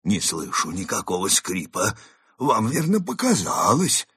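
A fussy ghost wolf from a storybook lectures and warns in a slow, swooping voice, as a man puts him on. The voice is very husky and raspy. It sounds dry and close. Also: medium pitch, very animated, pushed and bright, no room sound, pitched above the performer's own voice, exaggerated voice. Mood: fussy warning. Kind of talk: audiobook character reading.

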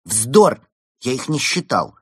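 Male narrator doing a fussy storybook penguin, indignant and lively. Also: fairly low pitch, takes it slowly, breathy edge, no room sound, studio quality, heavily acted. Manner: indignant, huffy. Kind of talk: storybook reading.

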